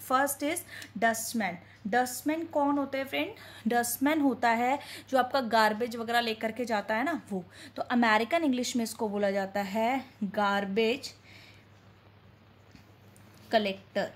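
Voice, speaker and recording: A woman with a slightly high voice teaches a lesson. She poses questions to her viewers and answers them herself. She keeps calling them friends. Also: measured pace. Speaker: English teacher. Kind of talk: classroom-style teaching.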